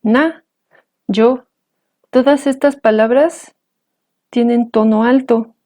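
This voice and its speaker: Woman teacher, fairly high but mellow voice, patient, careful delivery. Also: steady tone. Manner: slow, careful, patient explanation. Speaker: language teacher. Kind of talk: explaining and pronouncing example words.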